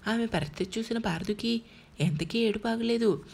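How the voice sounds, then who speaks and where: A woman's voice: a little high, a little fast, creaky, darkish tone, husky. A woman narrating an emotional family drama as an audiobook storyteller, telling it expressively.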